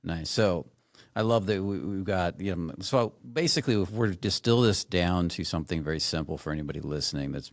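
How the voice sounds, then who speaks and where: Brief: middle-aged male host, rambling and excited, dry close recording. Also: extremely low pitch, no room sound. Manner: enthusiastic, rambling, many fillers. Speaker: podcast host. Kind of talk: casual interview chat.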